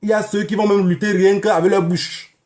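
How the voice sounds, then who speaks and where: With a Cameroonian accent, a man addresses his livestream audience in an emphatic, scolding political monologue full of repetition and rhetorical questions. His voice is high and a little mellow, steady in tone and slightly fast. He is an online activist.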